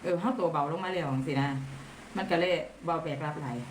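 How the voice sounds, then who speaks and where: A woman's voice: fairly low pitch, fast talker. Middle-aged woman, Isan accent, chatty live-stream talk, roomy echo, noisy background. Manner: chatty, thanking viewers, mixing in dialect words. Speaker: livestream seller. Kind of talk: casual live-stream chat. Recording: echoey room with background noise.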